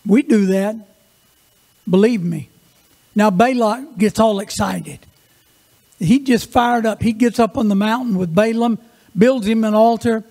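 High-pitched, folksy male preacher. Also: a little slow, gravelly, pauses often. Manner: animated, folksy storytelling with asides. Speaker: guest preacher. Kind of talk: sermon. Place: church.

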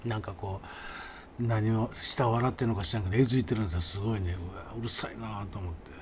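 A man's voice: fairly low pitch, quick pace, a little hiss or hum. A man with a Kansai accent telling a comic anecdote in a conversational way. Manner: animated, conversational.

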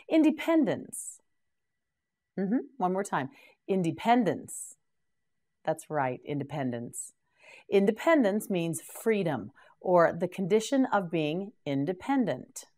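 Slow, lively-toned woman teaching English words. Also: on the low side. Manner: patient, encouraging, prompts learner to repeat. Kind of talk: slow drilled word repetition.

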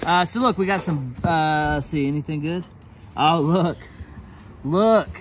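A man's voice: a little high, a little slow. A man, chatting casually to camera while unboxing finds outdoors at storage units. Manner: chatty, animated, jokey asides. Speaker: storage unit vlogger. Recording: outdoor recording with clear background noise.

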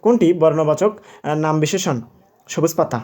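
Teacher, young man, mellow tone, slightly high, quiz-style walkthrough. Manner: explains step by step, quizzes and answers himself, corrects slips with "sorry"; drawn-out example words, repeated aloud. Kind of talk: exam question walkthrough.

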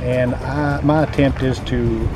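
A man's voice: mid-range voice, fairly even intonation, slow. An older man talks confidently, peppering his speech with uhs. He stands outdoors in a sunny park, with music behind. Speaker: racing sailor. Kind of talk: casual interview.

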